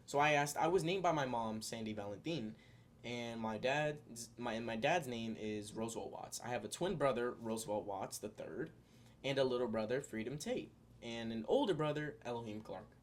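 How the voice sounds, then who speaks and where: In a medium-pitched voice at a moderate pace, a young adult man talks casually to his viewers, a little hiss or hum audible in the background. He rambles sincerely about spiritual matters, using plenty of fillers and restarts.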